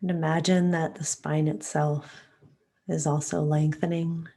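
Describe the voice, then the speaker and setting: A woman leads a guided meditation in a low-pitched voice. She keeps things soft, calm and soothing at an unhurried pace, with long pauses and a breath closing each phrase.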